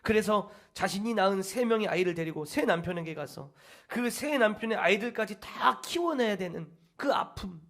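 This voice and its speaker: A male pastor preaching a sermon, telling a story dramatically and dropping from loud passages into hushed whispers. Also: sits high, animated, moderate pace, few pauses. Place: church service hall.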